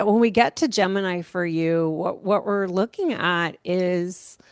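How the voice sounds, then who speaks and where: A woman astrologer giving a casual monthly horoscope talk, rambling and relaxed, with many fillers and soft laughs. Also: fairly low pitch, dry recording, clean studio sound. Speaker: astrologer host.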